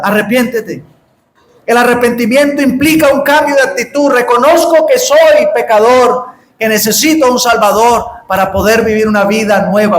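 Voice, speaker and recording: A man preaching a sermon to a congregation in an earnest, pleading way, slowing down and rising to emphatic calls. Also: extremely high pitch, a bit bright. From Colombia. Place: church hall. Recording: echoey church room.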